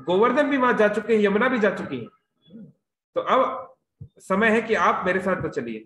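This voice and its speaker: A man voicing a divine young male god who is calm and reassuring, over an echoey video call. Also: sits high, moderate pace.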